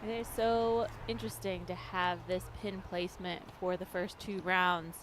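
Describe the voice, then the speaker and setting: A woman's voice: fairly low pitch, steady tone, moderate pace, background noise. A woman giving explanatory, analytical sports commentary. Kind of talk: disc golf commentary.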